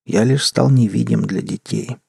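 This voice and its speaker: A man's voice: lowish voice, moderate pace, vocal fry, a little mellow, slightly rough, dry recording, studio quality, full character voice. A man voicing a stray male dog who protests and pleads, in an audiobook. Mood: pleading. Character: proud stray dog, a cursed male being.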